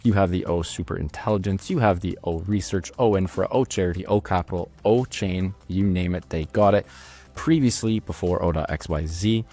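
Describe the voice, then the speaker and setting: A man hosting a podcast interview from Canada, talking in a hyped, slangy, energetic way. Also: low voice, moderate pace. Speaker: podcast host.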